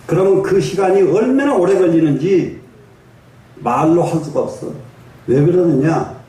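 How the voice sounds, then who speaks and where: In a mellow, fairly high voice and at a moderate pace, an older Buddhist monk tells stories during a folksy sermon, laughing softly and asking listeners to respond. A distant microphone records him in a large, highly echoey meditation hall.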